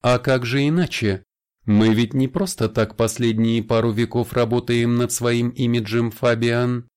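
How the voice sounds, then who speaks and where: A man's voice: medium pitch, fairly even intonation, measured pace, darkish tone, clean tone, voice pushed up, natural voice. A man voicing a sly, smirking male vampire elder who speaks in a raised, confiding voice in an audiobook. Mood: smug confiding.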